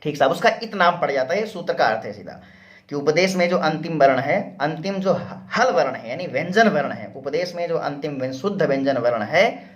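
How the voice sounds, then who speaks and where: A man's voice: a little high, expressive, a little fast. A man teaching Sanskrit grammar in a lecture, explaining patiently with many repetitions and rhetorical questions. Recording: dull lo-fi sound.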